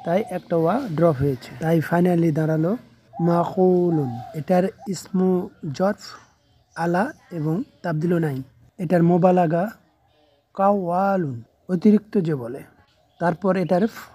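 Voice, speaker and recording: Male grammar teacher, dark husky voice, measured list-like delivery that walks through each form patiently. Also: high voice. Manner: measured, explains each form and then glosses its meaning; recites word forms in short phrases like a list. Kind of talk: step-by-step grammar lecture.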